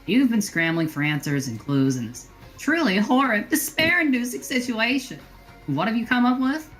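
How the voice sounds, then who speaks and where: A woman's voice: fairly high pitch, sing-song, normal speed, soft background music, voice pushed up. A woman voicing a gleeful, theatrical young female villain mastermind, mocking and dramatic in an online role-play. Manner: mocking, sing-song, dramatic.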